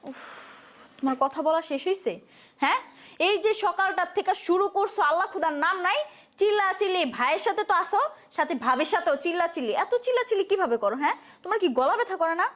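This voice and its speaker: A woman's voice: extremely high pitch, animated, fast, fairly bright tone. A woman playing an exasperated pregnant young daughter in a comedy skit, lecturing her mother in an argumentative way.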